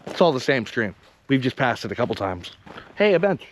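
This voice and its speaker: A man's voice: medium pitch, big pitch swings, brisk, slight background noise. A man chatting upbeat to a handheld camera as he narrates a hike on an outdoor trail. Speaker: vlogger and hiking guide. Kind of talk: casual trail vlog narration.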